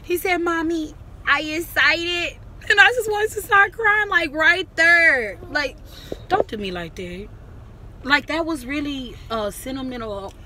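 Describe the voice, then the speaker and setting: A young woman with a high, bright voice chats to her vlog from inside a car. She keeps it casual and teasing and laughs easily, with a faint hum of noise behind her. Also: animated, unhurried. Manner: chatty, laughs often, teasing. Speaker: vlogger mom.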